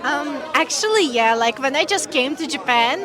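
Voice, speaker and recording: A woman from Latvia answering a street interview, speaking haltingly with many fillers. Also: high voice, animated. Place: busy city street outdoors. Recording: noisy crowd around.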